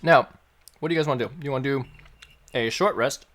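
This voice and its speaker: A man running a tabletop game on a stream, explaining rules in a relaxed, joking way with fillers. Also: mid-range voice, fast. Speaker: game master.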